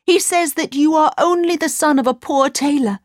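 A woman as a gentle, animated princess. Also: high voice, normal speed, dry recording, clean studio sound, pitched above the performer's own voice, lightly acted. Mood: telling. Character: gentle young princess, loving.

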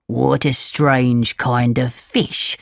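A woman voicing a hungry fisherman in a lowered, slow voice. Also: steady tone, creaky, no echo, clean studio sound, exaggerated voice. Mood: musing. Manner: low and slow. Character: hungry gruff male fisherman.

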